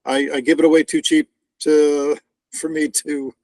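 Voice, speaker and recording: A man's voice: a little high, flat delivery, a little slow, darkish tone, no room sound, rough recording. A man talking in an easygoing, hesitant way in a casual video-call chat.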